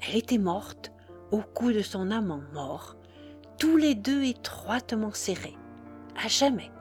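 Slow, solemn female audiobook narrator. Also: medium pitch, sing-song, darkish tone, faint music behind. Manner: solemn, slow, often dropping to a whisper. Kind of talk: scripted narration of a novel.

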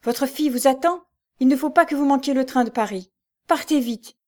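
A woman's voice: sits high, brisk, warm tone, voice pushed up, lightly acted. A woman voicing a grief-stricken middle-aged bread carrier, raised and choked with sobs, in an audiobook. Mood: pleading. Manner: choked, sobbing, pleading.

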